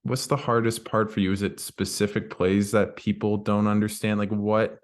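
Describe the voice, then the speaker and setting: A man with a fairly low voice hosts a relaxed podcast conversation. He asks loose, rambling questions and keeps nudging his guest along with friendly yeahs and mm-hmms. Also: moderate pace. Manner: friendly, affirming, frequent "yeah" and backchannels. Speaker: podcast host. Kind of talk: casual interview questions.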